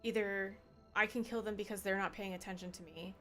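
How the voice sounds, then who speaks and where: A woman's voice: mid-range voice, fairly even intonation, fairly quick, fairly bright tone. A woman from Canada hosting her gaming stream, chatting casually and bluntly with her teammates. She laughs often, and faint music sits under her voice.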